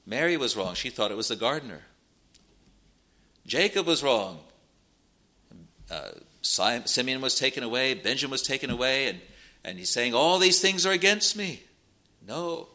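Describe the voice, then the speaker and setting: A man preaching with a very bright, sharp edge to his voice. His pitch sits at a middling height, and his delivery is earnest and measured. He quotes scripture and stumbles into small restarts now and then. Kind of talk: sermon.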